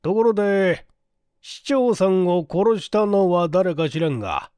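A crafty, shabby old man of ninety-seven, voiced by a man, speaks in a slow, folksy drawl. His voice sits a little high and is recorded dry and close, with no room sound, as in an audiobook drama. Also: expressive, dark tone, clean tone, no room sound. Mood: boastful. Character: shrewd, shabby 97-year-old man with bright eyes.

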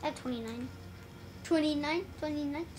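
A woman with a high voice speaking at normal speed over music casually chats while playing a split-screen shooter on a TV, filmed on a phone. She jokes, swears and laughs a lot, and the room recording is noisy.

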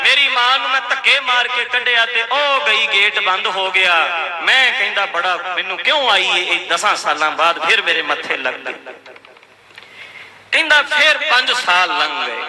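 A man's voice: very high voice, sharp tone, rough recording. A man preaching by telling a story, with quoted dialogue woven into his narration. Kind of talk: storytelling sermon.

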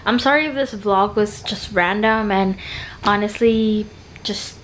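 A woman's voice: medium pitch, a little slow, a little hiss or hum, poor audio. A young woman in her twenties chatting casually to camera in a home vlog, upbeat and full of fillers. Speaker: vlogger. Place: home living room and bedroom. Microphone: camera on tripod.

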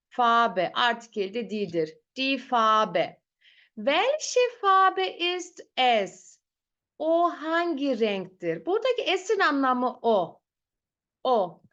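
Slow, patient woman teaching a class. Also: high-pitched, a bit bright, muffled recording. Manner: patient, repeats words slowly and drills pronunciation. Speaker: German teacher. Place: online class.

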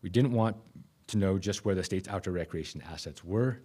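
A man, giving a conference keynote from a podium microphone in a conference room, measured and with frequent restarts. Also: low voice, dark tone, husky. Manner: measured, self-correcting restarts. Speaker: keynote speaker.

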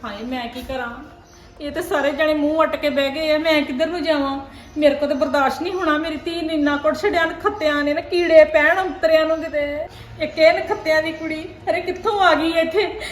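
A woman with a Punjabi accent acting a mother in a family drama, wailing, cursing and scolding loudly. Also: high voice, steady tone, fairly quick. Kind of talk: Punjabi web-series acting. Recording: roomy echo with faint music.

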